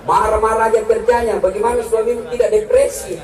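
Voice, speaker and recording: A man preaching a humorous sermon to a live audience, joking and acting out quarrels in high and low voices. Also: fairly even intonation, quick pace. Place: large hall with a live audience. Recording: echoey, from far off, crowd and noise behind.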